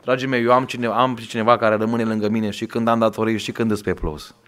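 Man, Romanian accent, preacher, sermon, conversational turning to loud emphatic exhortation. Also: fairly even intonation. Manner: rises to loud, high-pitched emphatic preaching.

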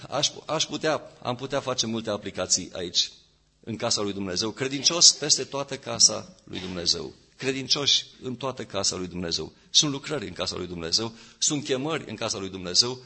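Bright, husky preacher. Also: male voice, animated. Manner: builds to loud emphatic peaks, then drops low. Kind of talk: sermon.

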